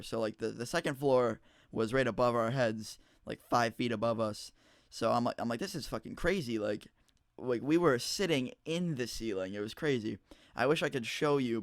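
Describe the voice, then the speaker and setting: A man's voice: mid-range voice, creaky, no room sound, studio quality. A teenage boy telling a school story to his viewers in a rambling, casual way with lots of fillers. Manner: rambling, chatty, frequent fillers and restarts. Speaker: YouTuber.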